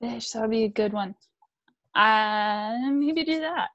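A woman's voice: on the high side, slow pace, no room sound, muffled recording. A young woman who is a guest on a casual podcast and teases and jokes with the host. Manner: teasing, joking and laughing softly.

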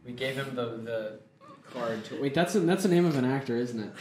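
A man's voice: mid-range voice, expressive, fairly quick, darkish tone, echoey room, a little hiss or hum. A young man co-hosting a casual podcast, goofy and laughing as he riffs. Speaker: podcast co-host. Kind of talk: casual banter.

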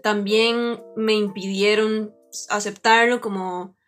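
A woman's voice: mid-range voice, fairly even intonation, slow pace, faint music behind. A woman with a Costa Rican accent talking casually as a podcast co-host, mixing English words into her Spanish. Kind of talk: casual personal conversation.

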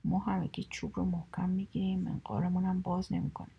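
A woman's voice: on the low side, flat delivery, vocal fry, mellow, husky, heavily acted. A woman voicing two earnest cautioning swans. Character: two worried caring swans.

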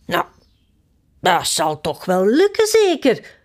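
A woman's voice: huge pitch swings, slow. A woman reading a storybook aloud and voicing a cheerful, giggling queen who wants to quarrel. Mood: gleeful. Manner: very high, gleeful and giggling.

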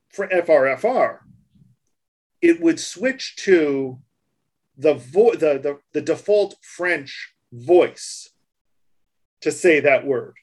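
A man on a casual tech podcast, patiently explaining things and restarting his sentences. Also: fairly high pitch. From United States. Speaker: co-host explaining voice tags.

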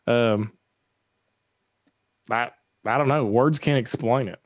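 A man's voice: mid-range voice, slow pace, no room sound. A man co-hosting a casual chat, rambling and joking and laughing often.

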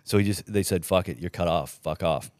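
Low-voiced man swearing through stories. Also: a little fast, a little mellow, dry recording, clean studio sound. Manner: profane, laughing, rambling anecdotes. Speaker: podcast host. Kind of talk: casual storytelling chat.

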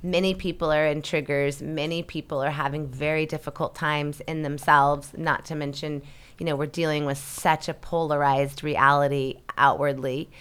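A woman in casual spiritual chat, animated and laughing easily as she talks. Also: sits low, moderate pace, smooth.

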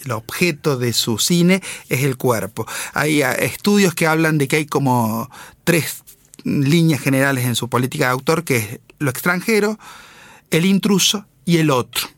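A man hosting a radio show, explaining a filmmaker's work in a lively, explanatory way. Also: medium pitch, moderate pace, no echo. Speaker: radio film host. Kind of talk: cultural radio commentary.

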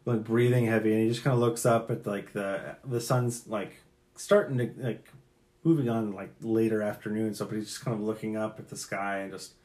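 A young man narrating as game master in a loose, halting way, full of fillers. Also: lowish voice, fairly even intonation, a little mellow. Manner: casual and halting, with many fillers.

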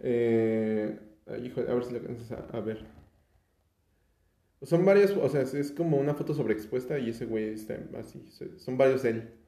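A young Mexican man chats casually about an album on a music podcast, sounding hesitant, with many fillers and restarts. His voice is warm and medium-pitched at normal speed, recorded in an echoey room.

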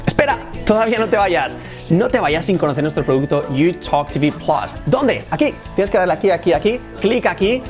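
A man teaching English pronunciation in an animated, playful way, exaggerating his demonstrations. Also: high voice, a little fast, soft background music. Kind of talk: energetic online English lesson.

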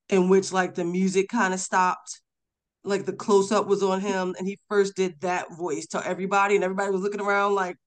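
A podcast co-host talking casually about a film, emphatic and quick to agree. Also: mid-range voice. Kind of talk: casual film review chat.

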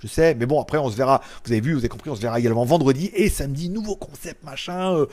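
A man chatting casually on a live stream, reading viewers' comments and joking, loud one moment and mumbling the next. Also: mid-range voice, racing. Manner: loud, jokey, trails off into mumbles and chuckles. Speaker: tech YouTuber hosting a live stream. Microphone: small clip-on mic.

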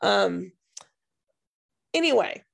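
A hoarse woman who is losing her voice co-hosts a casual podcast chat and works as a music teacher. Her gravelly, medium-pitched voice is very animated yet very slow. She tells stories in a rambling way, often interrupting herself.

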